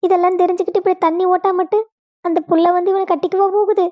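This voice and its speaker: A woman's voice: very high-pitched, steady tone, quick pace, dull audio. A woman voicing a grieving older mother-in-law with a Kongu Tamil accent, wailing and scolding in a family drama. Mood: bitter.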